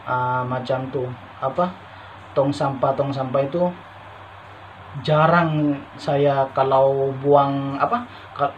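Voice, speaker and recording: A man from Madura with a Madurese Indonesian accent that carries Malaysian Malay words, talking casually to his vlog viewers and rambling through restarts and fillers. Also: fairly high pitch. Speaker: vlogger. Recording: dull lo-fi sound with faint noise.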